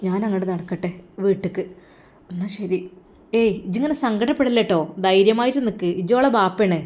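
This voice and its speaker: A woman voicing an older man who frankly advises a worried father, talking low and confidingly in a Malabar accent. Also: a little mellow, natural voice. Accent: Malabar Malayalam.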